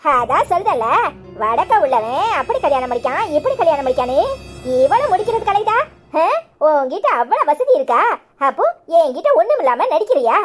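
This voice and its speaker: A proud, sharp-tongued mother of the groom in a village cartoon, as a woman puts her on. She scolds in a very high, lively voice, scornful and threatening, pouring out complaints. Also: moderate pace, faint music behind. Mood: stern. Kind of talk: cartoon voice acting.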